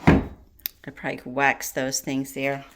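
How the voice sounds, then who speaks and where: A woman's voice: extremely low pitch, completely flat delivery, a little slow, heavy background noise. A woman chatting casually in a home vlog, full of fillers and encouragement, a little winded. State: slightly winded. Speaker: vlogger. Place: home bedroom, indoors.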